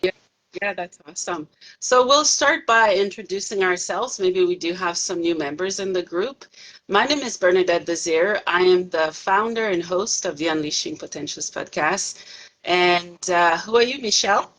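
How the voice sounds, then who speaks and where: A woman's voice: fairly low pitch, moderate pace. A woman hosting a podcast over a live video stream on her phone, chatty and laughing often. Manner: chatty, laughs often, soft-spoken at the start. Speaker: podcast host. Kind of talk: casual live-stream chat. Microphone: phone on a live video call.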